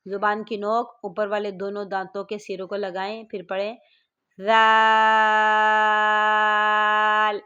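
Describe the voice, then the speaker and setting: A woman teacher guides students through letter sounds in a smooth, clear voice that stays level and even. She draws each letter out slowly, then explains in a plain teaching tone. The recording sounds a little dull and muffled. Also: mid-range voice. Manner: slow drawn-out letter recitation between plain explanations. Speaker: Quran teacher. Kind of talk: online recitation lesson.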